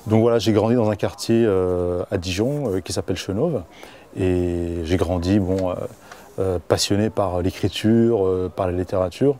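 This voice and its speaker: A man who grew up in France, answering interview questions thoughtfully, pausing often with fillers. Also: sits low, fairly even intonation, warm tone, a little hiss or hum. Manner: hesitant, many fillers. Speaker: singer-songwriter guest.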